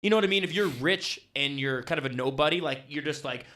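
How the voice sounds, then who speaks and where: A man's voice: fairly high pitch, fast talker, sharp tone. Laid-back young man, podcast co-host. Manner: laid-back, swears often, lots of "like" fillers. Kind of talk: casual podcast chat.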